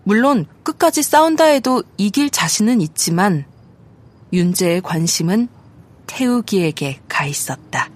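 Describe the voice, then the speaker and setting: A woman reading an audiobook story aloud in a steady, measured narration. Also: medium pitch. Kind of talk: scripted narration.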